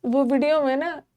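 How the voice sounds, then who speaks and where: A middle-aged woman, an English teacher, giving a live online vocabulary class in a lively way, switching between Hindi and English and repeating words for her students. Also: sits high.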